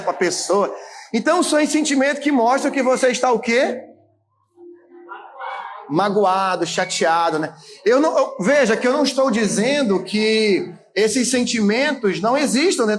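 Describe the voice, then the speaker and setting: A man in his late thirties, a pastor, preaching a sermon in a conversational way, with frequent tag questions and occasional shouted emphasis. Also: high-pitched, animated, moderate pace. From Brazil. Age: 30s.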